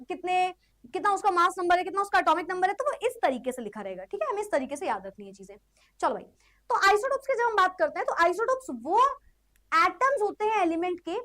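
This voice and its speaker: A woman's voice: extremely high pitch, fairly bright tone. A woman teaching a chemistry lecture in a chatty way, often checking in with her students and adding playful asides. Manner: repeats herself, checks in often. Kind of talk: classroom lecture.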